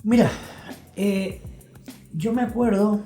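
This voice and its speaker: Speaking slowly in a high-pitched, mellow voice, an Argentine interview guest reflects conversationally, telling stories and explaining with emphasis and quick check-in questions. Faint music and a roomy echo fill the recording.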